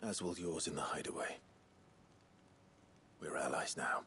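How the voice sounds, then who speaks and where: An actor playing a gruff but kindly warrior in a video game cutscene, hushed and unhurried, with a gravelly, breathy voice over music. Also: male voice, very deep voice, whispered, exaggerated voice. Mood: earnest, hushed. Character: gruff but kindly male warrior, dry-humoured, earnest. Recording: music behind the voice.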